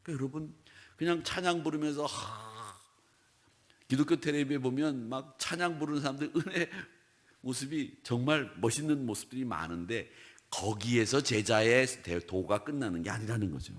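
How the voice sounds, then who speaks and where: A male pastor preaching at a dawn prayer service in a conversational way, asking his listeners questions and acting out what others said. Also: moderate pace. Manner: animated, acts out quoted speech with big swings in pitch and loudness; conversational, asks the congregation rhetorical questions.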